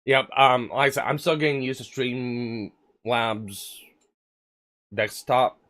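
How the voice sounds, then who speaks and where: This man's medium-pitched, slightly bright voice moves at a slow pace. He's livestreaming through a desk mic while fighting a cold and cough, chatting loosely with many fillers and a swear word now and then.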